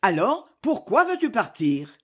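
Casting: frail elderly nobleman, read by a woman, husky, urgent, storybook reading. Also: mid-range voice, sing-song, a little slow. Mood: tender. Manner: urgent, pleading. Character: frail, lovestruck elderly marquis.

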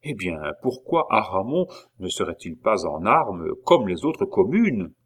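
A man's voice: on the low side, a little slow, slightly rough, heavily acted. A man reading aloud and voicing an eager, pushy young male villager in an audiobook. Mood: insistent. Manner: pushy, excitable.

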